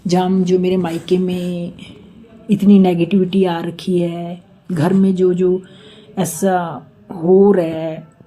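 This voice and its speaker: A woman's voice: lowish voice, dark tone. A middle-aged woman from India sharing a long, earnest devotional testimony, rambling and repeatedly addressing the listeners directly.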